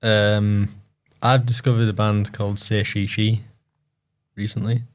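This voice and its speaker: A man's voice: lowish voice, level tone, measured pace. A man who is a guest on a podcast, chatting casually with a dry, teasing humour. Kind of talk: casual chat.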